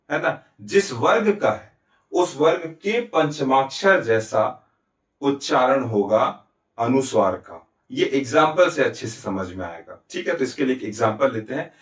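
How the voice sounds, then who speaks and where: A man's voice: medium pitch, animated, a little slow, fairly bright tone. Man teaching Hindi grammar, echoey room. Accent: Chhattisgarh Hindi. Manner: explains step by step, asks and answers his own questions; often adds "ठीक है?" and "है ना?" to check understanding. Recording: echoey room, recorded from a distance.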